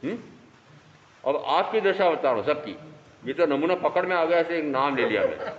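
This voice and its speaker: A man in his fifties preaches as a Jain monk with a fairly high voice, firing rhetorical questions at the crowd in a lively way. The sound is dull and lo-fi, with a long echo from a large hall. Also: moderate pace, slight background noise. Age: 50s. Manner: animated, rhetorical questions to the audience. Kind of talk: sermon.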